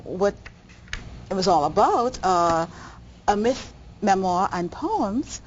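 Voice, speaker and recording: A woman hosting a cable TV interview, hesitating with many ums and restarts. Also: mid-range voice. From Bahamas. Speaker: talk show host. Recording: dull audio, faint noise.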